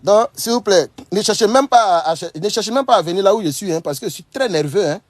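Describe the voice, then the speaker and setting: A man with a fairly high voice gives loose, animated commentary to his online followers. He circles back over the same phrases and breaks into laughter. The recording is dry and close. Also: fairly quick, no room sound. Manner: animated, repetitive, laughs often while talking. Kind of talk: casual storytelling and commentary to followers.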